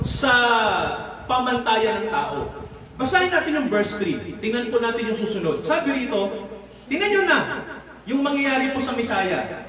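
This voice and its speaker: Male preacher, high voice, keeps asking the crowd stuff, booming echoey hall, mic kinda far off. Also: a bit bright. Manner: addresses listeners often, asks them questions, laughs often. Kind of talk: Bible study sermon.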